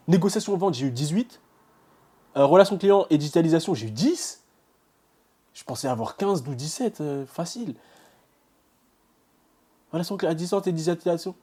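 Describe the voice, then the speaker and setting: A man's voice: a little high, warm tone. A young man chats straight to his viewers in a casual vlog. He is nervous and keeps stumbling, cutting off and restarting his sentences as he goes through his results. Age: young adult. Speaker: vlogger.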